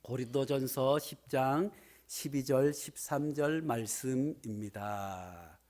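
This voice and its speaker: A male pastor preaching a Sunday sermon in a church sanctuary, animated and building to emphatic exclamations. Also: mid-range voice, takes it slowly.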